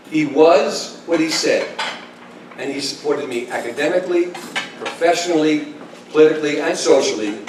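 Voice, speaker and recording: A man in his sixties giving a tribute speech, telling stories with chuckles and halting restarts. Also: fairly high pitch. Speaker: speaker giving a tribute talk. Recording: echoey room, distant mic, kitchen clatter.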